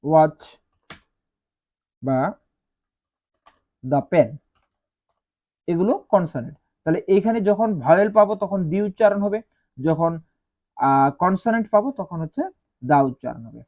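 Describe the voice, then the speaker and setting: Man, grammar lesson, slow and repetitive explaining, raised pitch, muffled lo-fi sound. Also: expressive. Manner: slow, repetitive, spells out each example. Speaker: English teacher. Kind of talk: explaining grammar rules to students. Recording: dull lo-fi sound.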